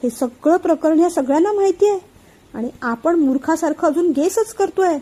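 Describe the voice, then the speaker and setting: A woman's voice: very high voice, animated, normal speed, warm tone, poor audio. Woman reading as a fretful, gossipy mother. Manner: complaining, gossipy. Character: suspicious middle-aged mother fretting over son.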